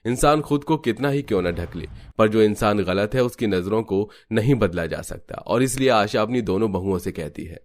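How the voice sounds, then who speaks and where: A man narrating a cartoon story in steady, scripted storytelling. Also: fairly low pitch, normal speed, few pauses.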